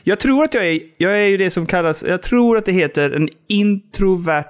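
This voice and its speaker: A man's voice: animated, smooth. A man chatting casually as a podcast co-host, often acting out quoted voices. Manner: acts out quoted voices with big pitch jumps. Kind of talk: casual chat.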